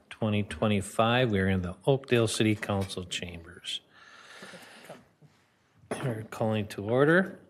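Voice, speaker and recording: A man from Minnesota chairing a parks commission meeting in a council chamber, plain and procedural with slight halts. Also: on the low side.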